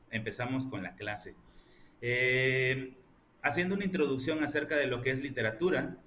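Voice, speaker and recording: Guy teaching a lit class, mid pitch, asks lots of questions, bit of background hiss. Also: fairly bright tone. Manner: explanatory, asks rhetorical questions. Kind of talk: online class lecture.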